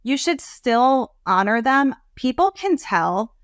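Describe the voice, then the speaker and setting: A woman coach appears as a podcast guest in casual interview talk, animated, rambling and heartfelt, and she takes it slowly. Her voice is a bit high, and the recording is dry and close with no room echo.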